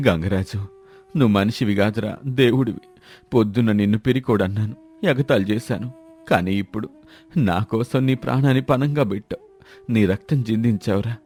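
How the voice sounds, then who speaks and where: A man's voice: steady tone, normal speed, a little mellow, soft background music, lightly acted. A man playing a lamenting village farmer. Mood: remorseful. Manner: lowered, lamenting voice. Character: proud village farmer, panicked and remorseful.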